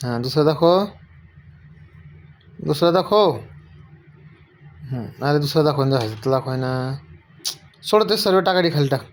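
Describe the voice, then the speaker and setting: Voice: medium pitch, lively intonation, unhurried, long pauses, slight background noise. An adult family vlogger filming at home, coaxing a small child with patient, repeated questions and talking to viewers. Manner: addresses viewers directly. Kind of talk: casual home video chat.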